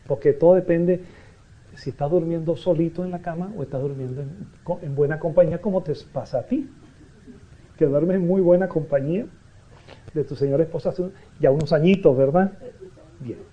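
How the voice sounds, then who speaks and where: A man giving a public lecture to an audience, animated and joking with listeners. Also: a little high. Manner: animated, jokey asides to audience. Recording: dull lo-fi lecture recording.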